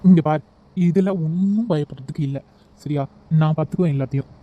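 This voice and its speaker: A woman voicing a calm, reassuring young man who is the hero of a cartoon, speaking with steady confidence. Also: deep voice, a little fast, highs cut off. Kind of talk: cartoon voice acting.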